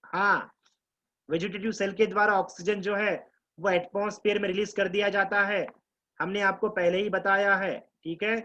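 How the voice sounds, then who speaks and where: A man teaching biology to exam students, mixing Hindi with Indian English, explaining slowly, repeating key terms and quizzing his class. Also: sits high, flat delivery, sharp tone, lo-fi sound. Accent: Indian English mixed with Hindi. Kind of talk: live online class lecture.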